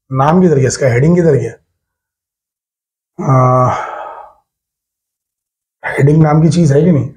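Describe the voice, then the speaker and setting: An Indian man teaching physics in a recorded exam-prep lecture, his voice a little high but warm and mellow. He talks in a chatty, teasing way, repeats phrases as he writes, and mixes English terms into his speech.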